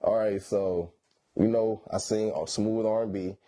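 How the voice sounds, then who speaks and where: Low, mellow, stoned man. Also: flat delivery, a little slow. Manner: stoned, laid-back slangy drawl with frequent "you know what I'm saying". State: high on weed. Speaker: R&B singer being interviewed. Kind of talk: casual interview chat.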